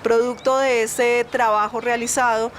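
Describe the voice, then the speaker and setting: Higher-voiced woman over clear background noise. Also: level tone, measured pace. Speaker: botanical garden representative. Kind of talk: formal technical explanation on camera. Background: ambient noise and vehicles.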